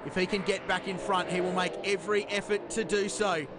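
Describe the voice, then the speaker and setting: Over loud race car engine noise, a high-voiced Australian man calls the race as a motorsport commentator. His delivery is excitable and emphatic, in the style of live television sports commentary. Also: a little fast. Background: racing cars and trackside ambience.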